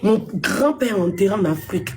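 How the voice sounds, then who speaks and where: A woman on a phone live stream, scolding her critics with indignant rhetorical questions and sudden high exclamations. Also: animated, a little fast, a little mellow. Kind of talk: social media livestream rant.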